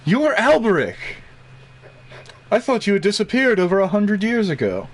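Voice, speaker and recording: A man's voice: high voice, sing-song, normal speed, voice pushed up. A man voicing a lonely old man in a tabletop game, talking in a hesitant, wondering way. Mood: astonished. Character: lonely old man who knew the wizard.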